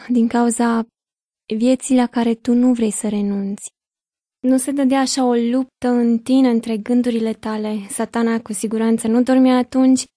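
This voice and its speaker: A woman hosts a studio interview, putting measured, leading questions to her guest. Her voice is mellow and fairly high. The sound is dry and close, with little room echo. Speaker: talk show host.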